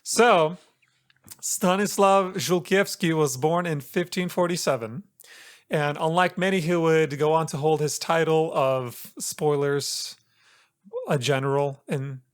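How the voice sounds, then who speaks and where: A man co-hosting a podcast, telling a story in a chatty, relaxed way with playful asides. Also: fairly high pitch, a little slow. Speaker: podcast co-host presenting the episode's story. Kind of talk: casual podcast chat.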